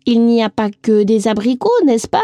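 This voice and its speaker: A woman voicing a stubborn old lady who is grumpy and greedy for tart, her voice often rising very high and slowing into a drawl. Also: steady tone, mellow, dry recording, lightly acted. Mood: delighted. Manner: squeals up high and drawls when delighted.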